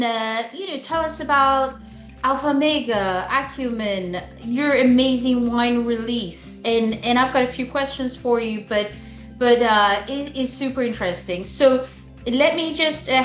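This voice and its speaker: A woman's voice: high-pitched, measured pace, fairly bright tone, echoey room, faint music behind. A woman sommelier hosting a casual interview, chatty and enthusiastic, with lots of fillers, over a video call. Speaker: sommelier host.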